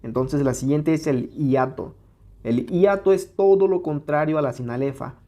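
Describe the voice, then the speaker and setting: Casting: man with a Mexican Spanish accent, slightly high voice, patient step-by-step teacher. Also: dark tone. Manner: patient, explains step by step, checks in with "¿vale?" and "¿ok?"; sounds words out slowly to show syllables. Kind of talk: exam-prep lesson at a whiteboard.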